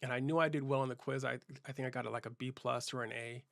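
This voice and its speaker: A man's voice: medium pitch, steady tone, fast talker, gravelly, no echo, clean studio sound. A man from Southern California, a keynote speaker and channel host, telling his life story in an earnest, reflective way, often restarting his sentences. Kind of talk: personal storytelling monologue.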